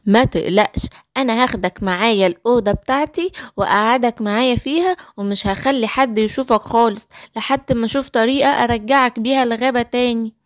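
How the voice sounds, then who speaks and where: A woman voicing an eager young girl in a children's cartoon story, with an Egyptian Arabic accent and a lively, pleading childlike manner. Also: on the high side, fast, no room sound, studio quality, natural voice. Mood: reassuring.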